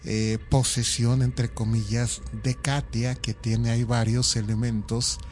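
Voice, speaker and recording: A man's voice: mid-range voice, little pitch movement, unhurried, a little hiss or hum. A man giving a conversational commentary on an old radio show, with fillers as he talks. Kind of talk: casual commentary.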